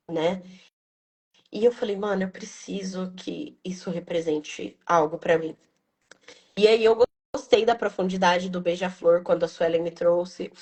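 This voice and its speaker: A young adult woman, a business owner, talking in a casual, reflective and emotional way, tagging her phrases with quick questions. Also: fairly high pitch, a little mellow. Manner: reflective, emotional, frequent "né" tags. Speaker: business owner interviewed about her brand. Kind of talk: casual heartfelt testimonial.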